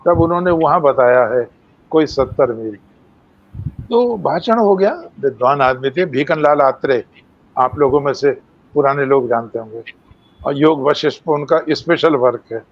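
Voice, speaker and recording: A man's voice: mid-range voice, animated, normal speed, lo-fi sound. An older man giving a devotional lecture, telling stories and acting out the voices of sages and animals. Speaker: main speaker.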